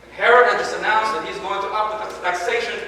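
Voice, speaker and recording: A man preaching a sermon as pastor, animated and full of rhetorical questions, recorded in a church sanctuary. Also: high-pitched, fast, slight background noise. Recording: echoey church hall, mic far off.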